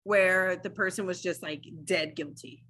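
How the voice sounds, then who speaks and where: A woman in her thirties tells her story in a casual interview, acting out the people in it with lively quoted voices. Her tone is bright and a little husky, and she peppers her talk with "like.". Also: on the low side, measured pace. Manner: animated storyteller, acts out quotes, many "like"s. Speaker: interview guest, former defense attorney.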